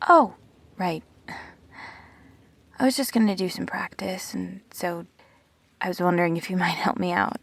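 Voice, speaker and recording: In an audio drama, a woman plays an earnest, guarded immortal best friend, speaking in measured, reflective phrases broken by pauses. Her voice is lowish with vocal fry, and her mood is casual.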